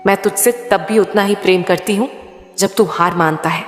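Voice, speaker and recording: A woman's voice: mid-range voice, close to an everyday voice. A woman voicing a tender mother goddess. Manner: slow, soothing, intimate address. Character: loving mother goddess, tender, all-knowing, consoling. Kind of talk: devotional spoken message. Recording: echoey hall with faint sitar music.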